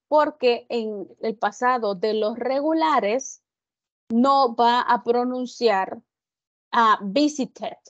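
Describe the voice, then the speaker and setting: A woman's voice: a little high, no echo, highs cut off. A woman teaching English grammar in Spanish to an online class, explaining patiently and asking students if they follow. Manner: patient, explains slowly, addresses students directly.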